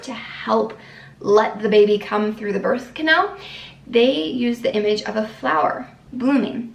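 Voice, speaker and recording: Upbeat woman fitness instructor, a little gravelly, recorded a step off the mic. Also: a little high, echoey room, recorded from a distance. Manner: upbeat, guiding breaths step by step. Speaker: postnatal fitness coach. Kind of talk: instructional fitness tips to camera.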